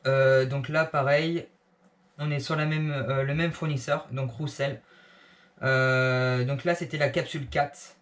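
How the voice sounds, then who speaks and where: Guy doing a clothing review, slow, lots of euh and restarts. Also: medium pitch, fairly even intonation, fairly bright tone. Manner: hesitant, many fillers and restarts. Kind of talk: casual product review.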